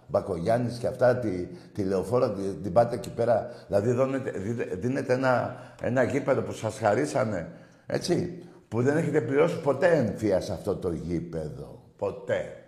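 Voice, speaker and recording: A man in a profane, mocking rant at a rival football club's fans, swinging between loud shouts and low jeers. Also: animated. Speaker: football fan ranting. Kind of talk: profane monologue. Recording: roomy echo.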